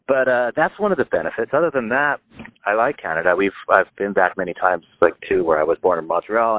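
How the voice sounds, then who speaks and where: A man's voice: deep voice, no room sound. A man in his fifties from Northern California, a guest musician chatting in a casual, rambling way, full of "like" and restarts. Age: 50s. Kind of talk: casual phone interview. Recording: tinny phone line.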